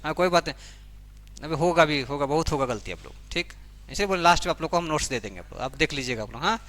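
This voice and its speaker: A man, teaching a class and dictating notes, repeating each phrase slowly so students can write it down. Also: a little high, very animated, a bit bright. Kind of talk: dictating a language lesson to a class.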